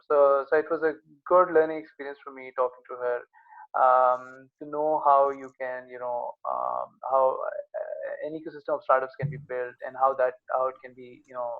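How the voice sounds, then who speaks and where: A man from Pakistan hosts an online talk over a video call. His speech is loose and casual, and he often says "you know". The sound is thin and narrow, like a phone line. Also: medium pitch. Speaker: host.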